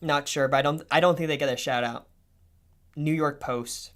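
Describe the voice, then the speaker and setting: A young man livestreaming casual commentary, swearing freely and swinging between low mutters and excited outbursts. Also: normal speed.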